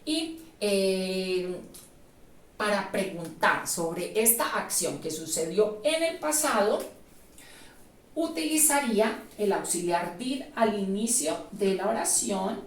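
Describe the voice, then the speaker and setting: Slow, patient female English teacher. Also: mid-range voice, lively intonation. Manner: patient, explains step by step with frequent "eh" pauses. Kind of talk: slow spoken lesson. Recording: echoey room, mic at a distance.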